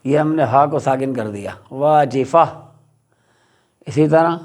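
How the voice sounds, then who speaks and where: A man teaching Quran recitation rules, explaining slowly and repeating example words. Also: medium pitch, darkish tone. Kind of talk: tajweed lesson.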